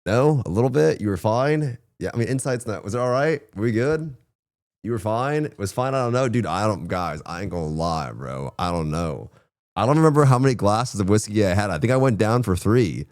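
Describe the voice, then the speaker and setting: A man's voice: on the low side, animated, brisk, a little mellow, dry recording. A worn-out, hungover man chatting casually to livestream viewers in slangy, profane, rambling, self-deprecating talk, on a close streaming microphone. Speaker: live streamer.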